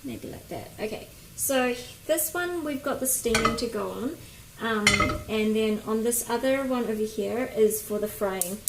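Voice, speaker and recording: Higher-voiced Kiwi woman in an echoey kitchen. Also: unhurried, few pauses. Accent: broad New Zealand (Kiwi). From New Zealand. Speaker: cooking livestream host. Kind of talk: casual chat while cooking, greeting viewers. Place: indoor home kitchen. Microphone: phone, at a little distance. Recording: echoey room, clear kitchen noise. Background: sizzling pan, stirring, kitchen noise.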